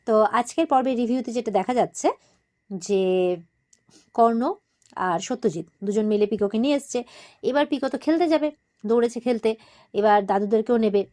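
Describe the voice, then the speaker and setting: A woman with a Bengali accent narrates a TV serial episode in a relaxed, chatty way. Her voice sits fairly high, and she slips into a livelier tone whenever she quotes the characters. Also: normal speed, pauses often. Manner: retells scenes, briefly acting out characters' lines in a livelier voice. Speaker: serial recap host. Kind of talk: casual episode recap narration.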